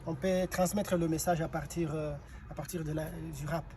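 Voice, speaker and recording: A man's voice: a little high, fairly even intonation, normal speed, dark tone, a little hiss or hum. A man from South Kivu, answering interview questions hesitantly with many fillers. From DR Congo, South Kivu. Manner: hesitant, frequent fillers and restarts. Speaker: karate teacher and singer being interviewed.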